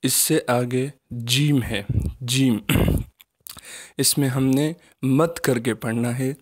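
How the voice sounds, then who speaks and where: A man teaching children the Arabic letters in a patient recitation lesson, with a Pakistani Urdu accent, slowly drawing out each letter as he says it. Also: mid-range voice, fairly even intonation. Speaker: Quran teacher.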